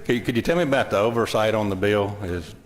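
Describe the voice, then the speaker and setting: A man with a Southern US accent questioning a bill as a state senator, in halting, folksy phrases. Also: lowish voice, slight background noise. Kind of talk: informal legislative debate. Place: large legislative chamber. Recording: long echoing hall reverb.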